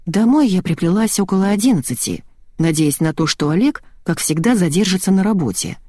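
A woman reads a first-person novel aloud with lively, expressive delivery. Her voice sits low for a woman but moves over a wide range. The sound is close and dry, with no room. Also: fairly quick, no room sound. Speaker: audiobook narrator. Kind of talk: first-person audiobook narration.

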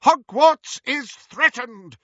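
Man voicing a stern elderly schoolmistress, raised pitch, commanding, dry audiobook sound. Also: sing-song, normal speed, bright, forceful tone, slightly rough, no echo, muffled recording, heavily acted. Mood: fierce. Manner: clipped, authoritative.

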